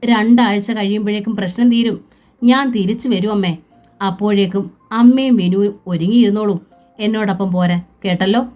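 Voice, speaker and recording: A woman reading as a calm young soldier son, gentle and lightly teasing, in a storybook reading. The voice stays soft and steady. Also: medium pitch, normal speed, soft background music, natural voice.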